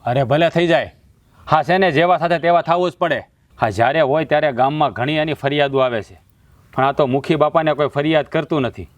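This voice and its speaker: A man's voice: fairly high pitch, a little fast, no echo, close to an everyday voice. An actor playing a hot-tempered young village man who protects his sister, speaking angrily in a village family drama. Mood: furious. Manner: angry, heated. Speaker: protective brother.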